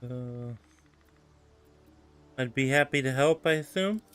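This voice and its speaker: A man's voice: mid-range voice, takes it slowly, a bit bright, clear, resonant tone, soft background music. A young man casually chatting with a friend while playing a co-op game, agreeable and a bit hesitant. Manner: agreeable, short replies, hesitant. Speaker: gamer co-op player. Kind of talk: casual gameplay chat.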